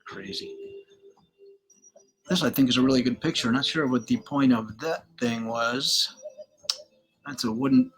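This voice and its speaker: A man's voice: medium pitch, unhurried, pauses often. An older man from Galicia, Spain, hosting a casual, rambling slideshow commentary, opinionated and laid-back. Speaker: channel host.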